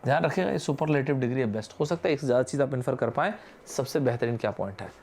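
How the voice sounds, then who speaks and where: A man with an Indian accent and a medium-pitched voice teaches vocabulary very fast in an online exam-prep lesson, with slight background noise. He's lively, mixing Hindi with English terms, and quizzes his viewers directly.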